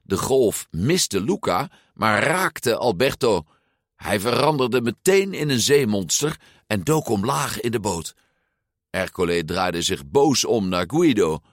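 A man reads a children's storybook aloud, slow and expressive. His lowish voice swings through a lively melody, recorded dry and close to the mic. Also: dry recording. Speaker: storybook narrator. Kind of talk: storybook read-aloud narration.

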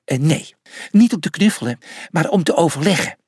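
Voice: medium pitch, expressive, moderate pace, a little mellow, slightly rough, dry recording, studio quality. A storyteller voicing an earnest male warthog who firmly urges his team to focus. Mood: urging. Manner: firm, earnest, urging.

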